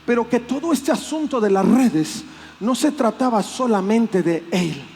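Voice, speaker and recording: A man preaching a sermon as pastor, animated and acting out plaintive voices. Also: very high voice, measured pace. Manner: animated, acts out voices of complaint.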